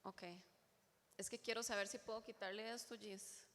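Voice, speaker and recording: Woman church-class teacher, casual and joking, bright tone. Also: on the high side, little pitch movement, moderate pace. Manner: chatty and joking, with asides to the room. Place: church hall. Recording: long hall reverb.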